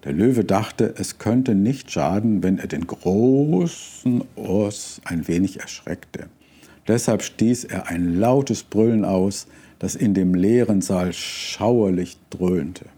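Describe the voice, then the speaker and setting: Guy preaching, slow and calm, really mellow dark voice. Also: on the low side, husky. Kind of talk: sermon with story reading.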